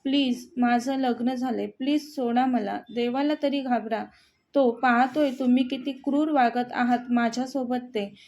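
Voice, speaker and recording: A woman's voice: a little high, steady tone, moderate pace, darkish tone, lightly acted. A woman reading as a frightened young wife. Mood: tearful pleading. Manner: frightened, begging.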